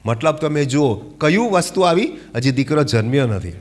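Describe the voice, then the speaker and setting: Male preacher, fervent sermon, calls for claps and hallelujahs, hushed to loud swings. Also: a little high, animated, normal speed. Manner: calls for claps and hallelujahs, asks the congregation questions.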